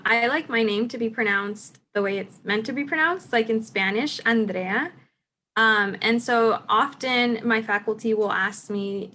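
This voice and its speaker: A woman's voice: a little high, fairly bright tone, a little hiss or hum. A woman moderating a panel discussion, speaking casually and sincerely.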